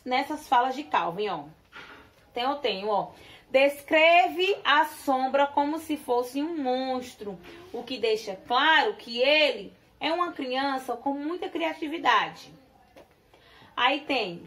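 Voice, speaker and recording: A woman's voice: sits high, a bit bright. A woman teaching a children's class with a Brazilian Portuguese accent, asking the class questions and then answering them herself. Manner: says syllable drills slowly and deliberately. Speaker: primary school teacher.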